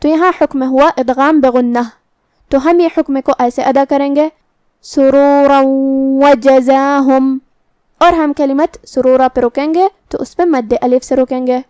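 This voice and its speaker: A woman teaching Quran recitation rules, explaining each pronunciation point slowly and carefully. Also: sits high, a little mellow, no room sound, clean studio sound. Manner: slow, careful explanations with demonstrated words.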